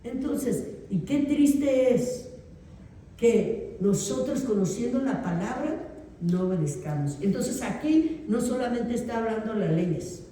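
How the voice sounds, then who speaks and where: A woman's voice: on the high side, lively intonation, slow pace, mellow, slight background noise. Woman pastor teaching in an echoey room. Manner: conversational, often checks in with the class. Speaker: pastor teaching a theology class. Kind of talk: informal classroom teaching. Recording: echoey room, voice picked up from far off.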